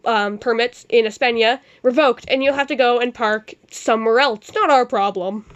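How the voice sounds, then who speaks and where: A woman playing a sarcastic male news anchor, reading her reports in a deadpan tone with dry asides. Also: a little high, moderate pace, highs cut off, close to an everyday voice. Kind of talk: amateur mock newscast.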